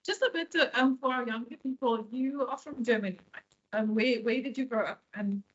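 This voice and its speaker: A woman interviewer with a slightly high voice asks friendly, hesitant questions, pausing on small fillers. The sound is somewhat dull and lo-fi. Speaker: interviewer, host. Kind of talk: conversational interview.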